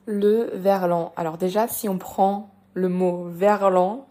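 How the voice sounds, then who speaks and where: A young woman hosting a casual podcast lesson, chatting and explaining slowly with many fillers and repetitions. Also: medium pitch, steady tone, mellow. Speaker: French teacher and podcast host.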